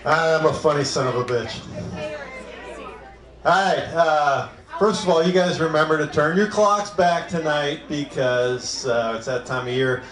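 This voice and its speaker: A man's voice: on the high side, unhurried, fairly bright tone, reverberant, a faint crowd. A man from Cleveland performing a self-deprecating, crude stand-up set on a club stage. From Cleveland, Ohio. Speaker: stand-up comic.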